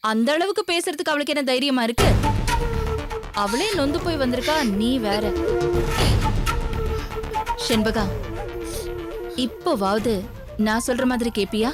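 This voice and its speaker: A woman's voice: on the high side, unhurried, pauses often, lightly acted. An actress playing a caring woman who soothes and firmly advises a crying young woman in a soap opera. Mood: concerned. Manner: soothing, firm. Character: calm, caring woman in charge. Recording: soap opera with loud music and crickets.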